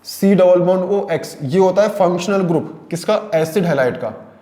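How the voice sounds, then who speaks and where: A man's voice: high-pitched, moderate pace, dark tone, echoey room. A man teaching chemistry in a lecture, asking questions and answering them himself, repeating key terms and mixing English terms into his speech. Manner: mixes English terms into Hindi.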